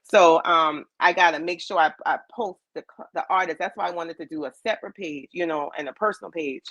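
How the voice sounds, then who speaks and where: A woman from Charleston with a Lowcountry Geechee creole accent, chatting casually and quickly in informal slang as an interview guest. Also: a bit bright, no echo, muffled recording. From Charleston, South Carolina, US. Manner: fast-talking, informal slang. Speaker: guest, music label owner and artist manager. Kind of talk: casual chat.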